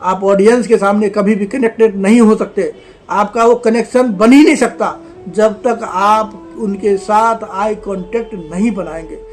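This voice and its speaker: A man's voice: high-pitched, unhurried, soft background music. A man giving a motivational lesson on communication, talking emphatically, repeating his points and calling his viewers friends. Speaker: communication skills coach.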